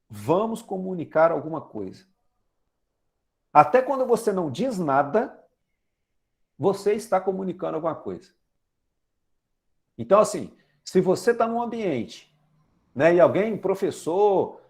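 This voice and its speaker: This lay preacher, a Brazilian man in his forties, has a high, gravelly, darkish voice and a Brazilian Portuguese accent. He preaches a chatty sermon, questioning the congregation and using everyday examples.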